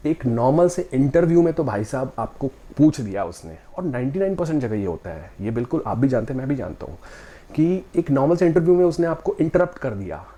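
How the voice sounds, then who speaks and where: A man's voice: mid-range voice, very animated, brisk, warm tone. A man giving a motivational talk, speaking directly and conversationally to the viewer and asking rhetorical questions.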